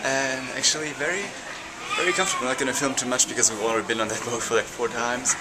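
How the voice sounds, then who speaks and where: A man's voice: medium pitch, steady tone, fast. A young man chatting casually and informally in a rambling travel vlog. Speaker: travel vlogger. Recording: loud ambient travel noise.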